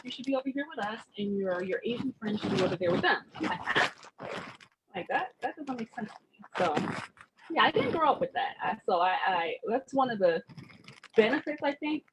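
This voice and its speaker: A woman who grew up in Germany as a military child, hosting a casual spiritual chat in an affirming manner and repeating phrases for emphasis. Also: medium pitch. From grew up in Germany as an American military child. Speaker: host leading a vision board party. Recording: noisy background hiss.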